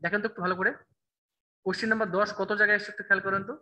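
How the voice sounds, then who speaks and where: A man teaching an online English grammar class, quizzing a student and reading answer options slowly. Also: sits high, level tone, bright, forceful tone, rough recording. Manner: drills answers with rhetorical questions, reads options slowly.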